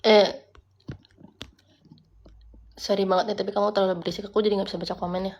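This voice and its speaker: Young adult woman streamer, relaxed, talkative, mid-range voice, mixes in English while reading comments. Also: medium pitch. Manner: chatty, code-switching with English, quick reactions to comments. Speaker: livestreamer reading chat comments. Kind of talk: casual live stream chat.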